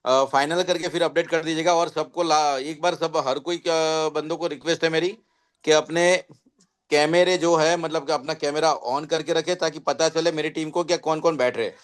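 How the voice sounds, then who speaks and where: Brisk male webinar organizer, fairly high voice. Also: steady tone, smooth. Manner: brisk, organizing, polite requests. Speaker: academy head addressing the webinar. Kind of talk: webinar announcements. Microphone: online webinar call.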